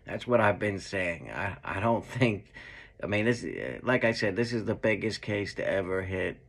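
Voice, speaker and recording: A young man commenting casually on news clips, talking back to them with hesitant restarts, in a dark room indoors. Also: deep voice, animated, a little slow, creaky. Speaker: true crime commentator.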